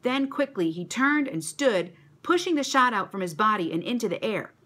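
A woman reading a children's story aloud to a church kids' club, expressive and animated. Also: medium pitch, normal speed.

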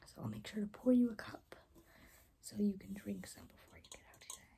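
A young woman in a whispered role-play as a caring rainbow fairy, speaking in a gentle, reassuring, breathy whisper. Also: mid-range voice, big pitch swings, fairly quick. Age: young adult. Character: caring, soft-spoken rainbow fairy guide. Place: small room indoors.

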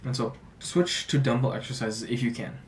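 A young man in his twenties giving gym advice in a relaxed way, full of "like" fillers, in a small home office. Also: mid-range voice, normal speed, distant mic, slight background noise. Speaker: fitness YouTuber. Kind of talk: casual talking-head advice.

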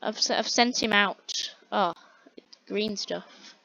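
A young woman giving rambling, exasperated commentary on a slow-loading online game while chatting with a friend. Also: medium pitch, creaky, pushed and bright. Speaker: gamer. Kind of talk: casual gameplay commentary. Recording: dull lo-fi dry recording.

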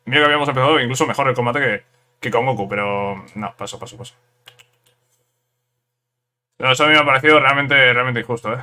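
Bright-voiced gaming commentator man. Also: mid-range voice, quick pace, long pauses. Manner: excitable, repeats words in bursts, tag questions. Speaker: gameplay commentator. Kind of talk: casual let's-play commentary.

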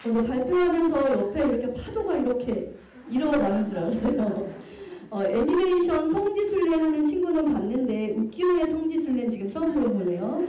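Rapid-fire woman emceeing in echoey hall. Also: high voice, animated, mellow. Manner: brisk, chatty, repeated affirmations between sentences. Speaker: contest emcee. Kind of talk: live event hosting. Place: auditorium at a live contest. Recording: echoey hall, distant mic, faint audience.

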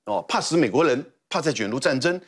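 A man's voice: mid-range voice, expressive, quick pace, slightly rough. A man, a guest commentator making an argumentative, emphatic case with repeated words. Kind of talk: heated political commentary. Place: TV studio.

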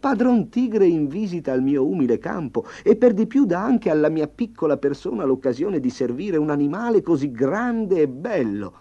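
A fawning, flattering storybook farmer, as a male narrator puts him on, his voice lifted high and loud with eager courtesy. The gravelly edge of the reader stays under it. The recording is slightly dull and lo-fi. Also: moderate pace, few pauses. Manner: eager, raised and obsequious. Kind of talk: storybook reading.

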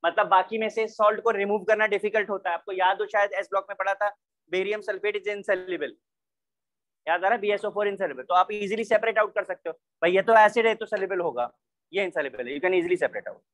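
High-voiced Indian chemistry teacher. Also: male voice, a little fast, fairly bright tone, rough recording. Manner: explains step by step, mixing English terms, asks students to check. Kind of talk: online class lecture.

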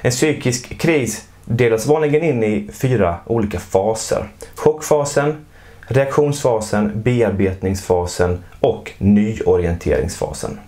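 A man giving calm, measured scripted narration for an educational explainer video. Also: on the low side, soft background music.

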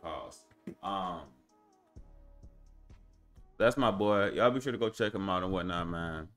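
On his live stream, a young man talks casually with viewers in slang, laid-back at first and then rising to excited hype, as instrumental music plays. His voice is low-pitched and a little slow.

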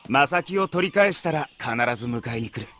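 A man's voice: a little high, lively intonation, normal speed, noisy background, lightly acted. A man voicing a hot-headed, loyal teenage schoolboy in an anime, with a brash delivery. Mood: exasperated. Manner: brash, exclamatory. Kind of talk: anime voice acting.

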